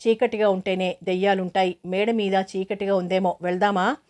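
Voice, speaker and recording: A woman voicing a curious, nervous young boy who speaks softly to his friend. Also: medium pitch, steady tone, normal speed, lightly acted. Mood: eager.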